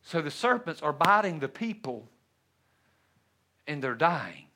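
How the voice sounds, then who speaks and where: A middle-aged man preaching a sermon in a church, folksy and humorous, swinging between loud bursts and hushed asides. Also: a little high, sing-song, measured pace. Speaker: pastor. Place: church sanctuary.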